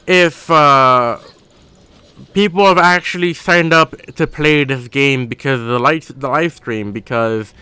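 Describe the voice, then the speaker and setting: A man speaks unhurriedly at a medium pitch in a sharp, clear, resonant tone, with no echo. He's a gaming streamer giving casual live-stream commentary, rambling as he thinks aloud and often correcting himself mid-sentence.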